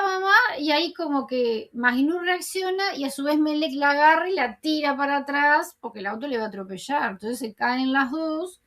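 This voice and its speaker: A woman's voice: high voice, a bit bright. A woman recapping a TV episode in a chatty way, full of fillers and asides. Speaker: YouTuber recapping Turkish TV episodes. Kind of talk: casual spoken episode recap.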